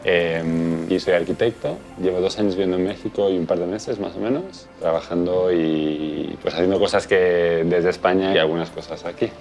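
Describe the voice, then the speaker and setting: A man from Spain in his thirties, speaking casually and quickly as an interviewee. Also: deep voice, vocal fry, darkish tone, soft background music. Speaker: interviewee, architect. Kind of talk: personal interview.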